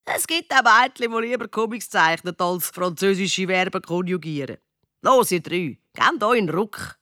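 A woman's voice: on the low side, lively intonation, moderate pace, pushed and bright, no room sound, studio quality. A woman with a Swiss German accent voicing a friendly male teacher in a storybook, chatty and coaxing.

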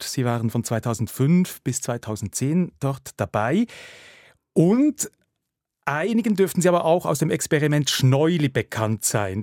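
A man's voice: medium pitch, a little mellow, no room sound. Male radio host, dry studio. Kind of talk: prepared interview questions and introductions.

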